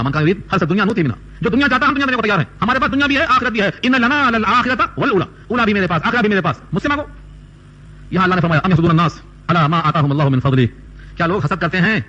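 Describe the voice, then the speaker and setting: A man's voice: high voice, sharp tone. A man giving a Quran commentary lecture, reciting Arabic verses and explaining them line by line, asking questions and answering them himself. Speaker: Quran teacher. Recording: dull lo-fi recording.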